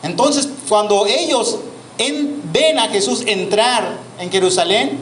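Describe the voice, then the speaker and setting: A man with a Mexican Spanish accent, preaching a sermon in a church, addressing the congregation with drawn-out emphasis and rhetorical questions. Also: sits high. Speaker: pastor. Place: church hall. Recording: echoey church hall with faint noise.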